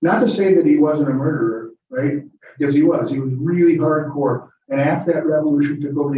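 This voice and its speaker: Fielding audience questions in a loose, digressive way with chuckles, a guest lecturer speaks in a voice that is a little high and a little mellow. The informal Q&A was recorded from a distance in a lecture room, sounding echoey and muffled with a little hiss or hum.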